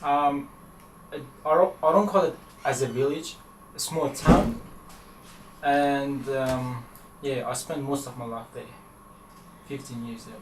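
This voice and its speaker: A young man from Afghanistan giving interview answers in a halting, hesitant way, pausing on fillers. He is picked up from across a small room, so the sound is roomy and distant, with a faint hiss underneath. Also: mid-range voice, steady tone. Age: young adult. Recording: echoey room, from far off.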